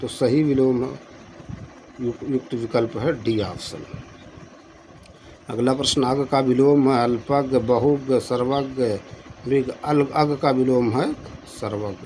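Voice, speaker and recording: A man at a middle pitch talks through exam questions as a tutor. He reads each option aloud and says the answer again and again. Faint noise hums behind him. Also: takes it slowly, pauses often, darkish tone, rough recording.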